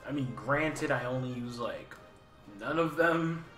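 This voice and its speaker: A man's voice: medium pitch, lively intonation, slow, a bit bright. A man giving casual let's play commentary, offhand and sarcastic, with some swearing. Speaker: streamer playing a game live. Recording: roomy echo, faint game music.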